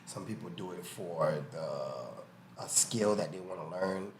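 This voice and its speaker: Unhurried and low-voiced, a man who coaches boxing appears on a podcast, speaking casually but emphatically through personal anecdotes and examples. US-born, he spent his early years in Haiti before being raised in New York. Faint background noise and room echo are audible.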